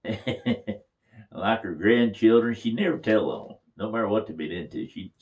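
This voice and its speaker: A man's voice: lowish voice, moderate pace, highs cut off. An older man, reminiscing in a folksy, chuckling storytelling manner. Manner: folksy, chuckles through his stories. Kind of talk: casual reminiscing.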